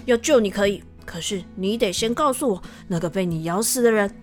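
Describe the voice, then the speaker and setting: A woman's voice: medium pitch, brisk, soft background music, close to an everyday voice. A woman voicing a male healer of legend, speaking in a firm, earnest way. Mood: stern.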